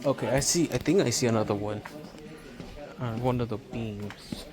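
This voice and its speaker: A male amateur vlogger with a mid-range voice meanders around a large indoor home improvement store, talking in a halting, absorbed enthusiast's style. The phone he holds picks up crowd noise and plenty of store ambience.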